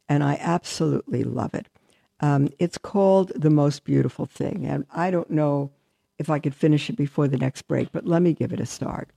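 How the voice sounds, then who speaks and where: Woman show host and religious sister, husky and gravelly, reads a story aloud; dry close mic. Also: low voice, no room sound. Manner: warm, chatty aside, then steady storytelling. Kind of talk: radio show host reading a Christmas story.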